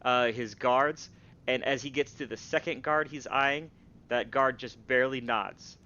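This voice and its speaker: A man narrating as game master of a tabletop role-playing game, describing scenes in a measured way. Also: mid-range voice, bright, forceful tone, muffled recording.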